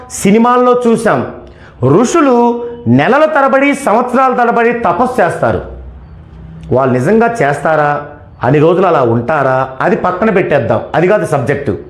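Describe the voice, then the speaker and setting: A man's voice: high-pitched, echoey room. A man teaching numerology in an emphatic lecture, asking questions and answering them himself. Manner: emphatic, asks and answers his own questions. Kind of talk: explanatory lecture.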